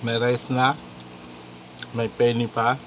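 A man's voice: medium pitch, slow pace. A man, chewing while talking as he savors his food in a casual eating vlog. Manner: relaxed, savoring, mixes in English. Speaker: mukbang vlogger. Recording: noisy background with insects.

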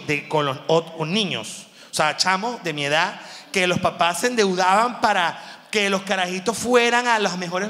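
A Venezuelan man performing a stand-up comedy monologue, animated and full of slang as he acts out little scenes. His voice sits high and bright. The sound carries the long reverb of a large hall.

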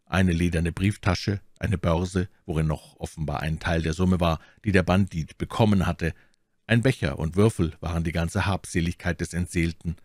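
A man reads a classic novel aloud at an even, measured storytelling pace. His voice is fairly low, and the recording is close and dry with no room sound. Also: no echo. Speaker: audiobook reader. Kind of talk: scripted audiobook narration.

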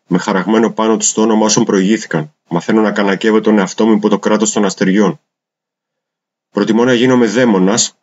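Male poetry reader, deep-leaning voice, measured deliberate delivery, muffled low-fidelity recording. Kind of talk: reading translated poetry aloud. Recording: dull lo-fi recording.

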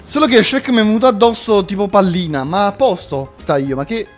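A man giving excited gameplay commentary, yelping and laughing as he plays. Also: high voice, a little fast, over music. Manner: excitable, yelps and laughs often. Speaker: gaming video host.

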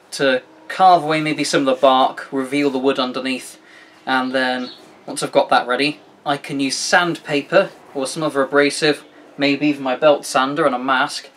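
Man with a slightly raised voice giving a relaxed workshop how-to, chatty and self-deprecating. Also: a little high. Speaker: woodworking video host. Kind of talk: casual how-to demonstration.

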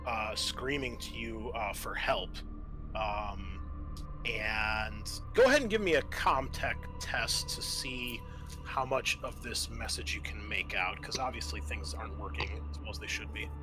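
A man acts as game master for a tabletop roleplaying game, narrating in a halting way as he thinks aloud and improvises. His voice is on the low side, and music plays underneath.

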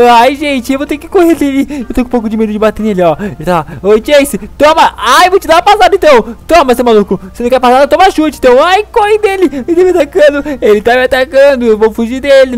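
A man giving excited gameplay commentary, jumpy and excitable, talking straight to the game characters. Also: extremely high pitch. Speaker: gaming YouTuber.

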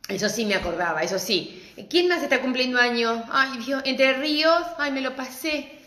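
A middle-aged woman with an Argentine accent, teaching a live-stream craft class and greeting viewers warmly and chattily. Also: high voice, expressive, normal speed. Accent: Argentine Spanish. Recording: echoey room.

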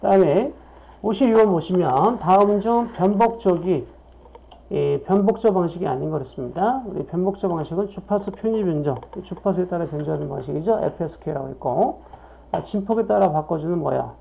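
Lady going thru exam questions, gravelly low-ish voice, asks stuff then answers herself, kinda muffled lo-fi audio. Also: a little fast, dark tone. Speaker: exam prep lecturer. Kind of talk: lecture walking through exam questions. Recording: dull lo-fi recording.

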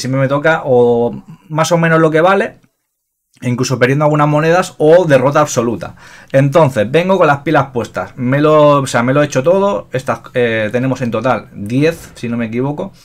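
Gaming host, man, excitable and profane, rambling casual commentary. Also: medium pitch. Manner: excitable, swears freely, talks in bursts with many fillers. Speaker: gaming youtuber.

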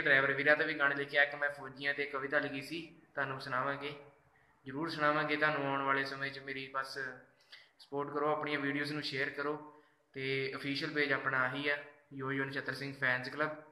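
A man speaks into his phone on a casual live stream, greeting fans by name and thanking them. His voice is sharp and bright, and he keeps it level with little rise and fall. The room around him adds a clear echo. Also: mid-range voice, little pitch movement, fairly quick. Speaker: social media singer doing a live fan chat. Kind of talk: live stream chat reading fan messages.

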